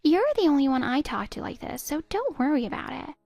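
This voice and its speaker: A woman's voice: high-pitched, big pitch swings, brisk, darkish tone, dry recording, soft background music. A woman voicing a spiteful stepdaughter in her twenties who sneers and cuts down her stepmother. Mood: scornful. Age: 20s. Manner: sneering, cutting, contemptuous. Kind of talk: text-story voice acting.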